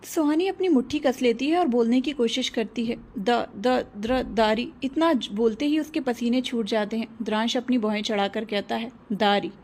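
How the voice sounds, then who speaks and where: Woman reading a romance serial, steady and even, kinda high pitched. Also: a little fast, few pauses. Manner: steady storytelling, voices all characters. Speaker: narrator. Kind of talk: scripted serial narration.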